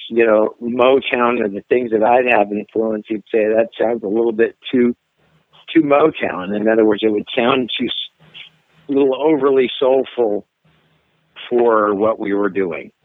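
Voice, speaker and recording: Unhurried and lowish in voice, a middle-aged man who sings chats casually in a phone interview, often pausing to hesitate and restart. There's no room sound, just a dry, tinny phone line.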